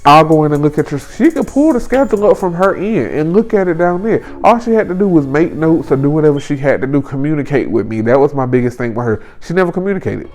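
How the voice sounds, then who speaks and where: A man's voice: a little high, animated, quick pace, few pauses, darkish tone. A man in his twenties telling a personal story in a vlog. He talks casually and with emphasis, and he often repeats phrases for effect. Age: 20s. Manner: casual colloquial speech. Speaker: vlogger.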